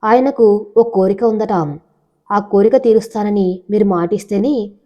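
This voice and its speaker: A woman voicing a steady young village woman in a storybook, speaking calmly and firmly. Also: medium pitch, unhurried, highs cut off, natural voice. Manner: steady, cool, firm. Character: steady village woman in her twenties, calm and firm.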